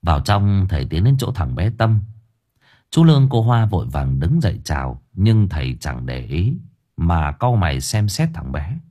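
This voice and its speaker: A man narrating a ghost story in an expressive, lively storytelling manner. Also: sits low, normal speed. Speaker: audiobook narrator.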